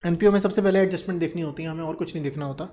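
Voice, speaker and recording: A man's voice: fairly high pitch, very fast, warm tone, a little hiss or hum. Male teacher quizzing his class. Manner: asks questions and answers them himself; mixes Hindi with English terms. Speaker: commerce teacher. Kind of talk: classroom lecture.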